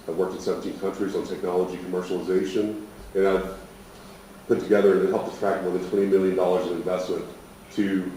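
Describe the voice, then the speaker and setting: Low-pitched and warm, an American instructor opens a programme with a casual, unpretentious talk, often at his own expense. It's recorded in an echoey indoor room from a distant mic, with faint noise underneath.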